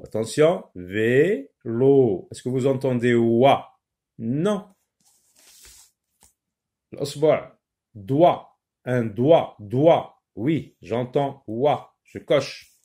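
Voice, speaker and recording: A man teaching a children's phonics lesson, repeating each word slowly and sometimes explaining in Arabic. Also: mid-range voice, expressive, darkish tone. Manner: slow, repeats words syllable by syllable.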